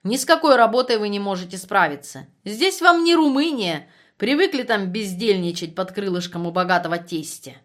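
A woman's voice: medium pitch, expressive, moderate pace, a bit bright, natural voice. A woman voicing an insolent, mocking barracks elder, a man. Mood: impatient. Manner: sneering, mocking.

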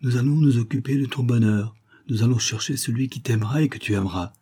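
A man reading the part of an elderly man, a gentle and anxious father, in an earnest, pleading way. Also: medium pitch, quick pace, slightly rough, voice pushed up, lightly acted. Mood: earnest, impassioned.

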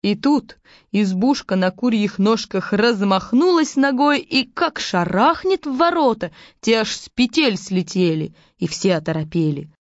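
A woman narrating a fairy tale in a lively storytelling manner. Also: mid-range voice, unhurried, no room sound. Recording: dull lo-fi recording.

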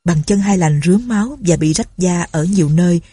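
Husky low woman storyteller. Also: fairly quick, no echo. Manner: steady dramatic reading. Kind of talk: storybook narration.

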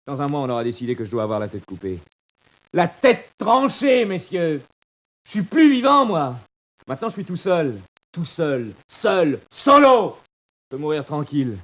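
An actor playing a proud, despairing condemned prisoner in a 1940s radio drama, speaking theatrically. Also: male voice, medium pitch, fast talker, darkish tone, close to an everyday voice. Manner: theatrical, swinging from bitter murmurs to cries.

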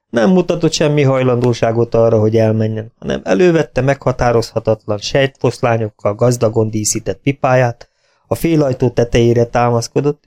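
A man narrating an audiobook in a calm, even storytelling manner. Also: mid-range voice.

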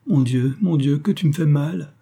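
A man's voice: medium pitch, flat delivery, normal speed, a little mellow, slightly rough. A man reading an audiobook, voicing a desperate older woman who pleads with her lover and reproaches him plaintively. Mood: pleading, wounded. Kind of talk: audiobook character voice.

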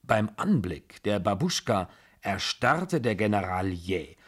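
A male audiobook reader with a husky voice, narrating a story in the first person in a measured, even way. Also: fairly low pitch.

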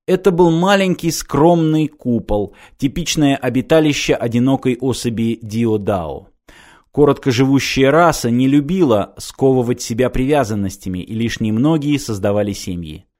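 Male audiobook narrator, steady measured reading, mid-pitched voice. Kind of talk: scripted narration.

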